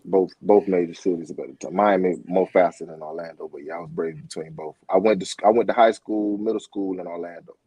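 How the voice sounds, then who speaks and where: A man's voice: low voice, fairly quick, hardly any pauses, mellow, slightly rough, dry recording. A middle-aged man from Florida, a podcast guest, talking casually with lots of fillers and restarts. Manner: rambling, many fillers and restarts. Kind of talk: casual interview talk.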